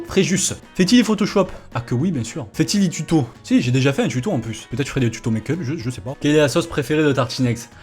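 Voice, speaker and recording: A man's voice: mid-range voice, darkish tone. A man giving casual, joking commentary as he plays through a quiz game on his channel, chatting with self-mocking asides into a headset. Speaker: gaming YouTuber. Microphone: gaming headset.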